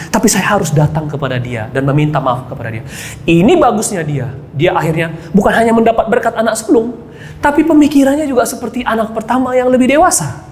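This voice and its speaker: A man preaching a sermon, often calling out to the congregation and dropping to quiet asides. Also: sits high, slight background noise. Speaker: pastor. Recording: long hall reverb, faint background ambience.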